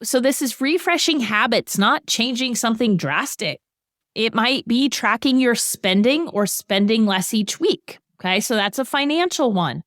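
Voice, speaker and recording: A woman's voice: fairly high pitch, animated, normal speed, a bit bright, no echo, studio quality. A middle-aged woman on a financial podcast, explaining goal-setting with everyday examples in a conversational way.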